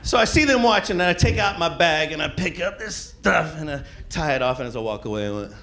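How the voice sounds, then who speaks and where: High-voiced middle-aged male stand-up comedian. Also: animated, a little fast. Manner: profane, conversational storytelling; acts out dialogue and reactions. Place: live venue in front of an audience. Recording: noisy live comedy club recording.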